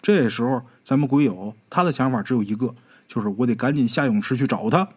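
A man narrating a ghost story in a dramatic, animated storytelling manner. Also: mid-range voice, a little fast, husky.

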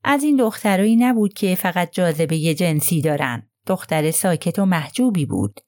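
A woman's voice: fairly low pitch, lively intonation, a little mellow, no room sound, studio quality, lightly acted. A woman voicing a gossipy middle-aged nurse who talks in a hesitant, confiding way.

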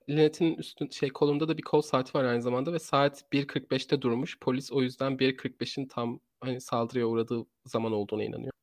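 A man tells a true crime story in a conversational podcast style at a medium pitch. He halts to find words and often restates what he just said. The sound is close and very dry, with no room echo. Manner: rephrases and repeats his own sentences.

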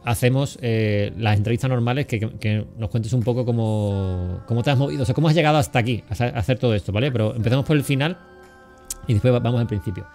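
A man's voice: medium pitch, fast, a little mellow. Bantering Spanish host in his forties. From Cádiz, Spain. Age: 40s. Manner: banters and teases, many fillers and restarts. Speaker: podcast host. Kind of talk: casual joking interview. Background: faint background music.

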